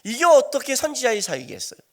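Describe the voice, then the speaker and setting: A middle-aged male pastor delivering a sermon in a conversational, animated way. His voice sits high and swings widely in pitch as he throws rhetorical questions at the listeners. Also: quick pace.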